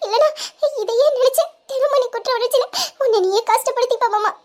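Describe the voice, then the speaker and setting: A woman's voice: very high-pitched, brisk, a little mellow. A woman voicing Nila, a tender young woman in a Tamil audio drama, pleading and coaxing through tears. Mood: comforting.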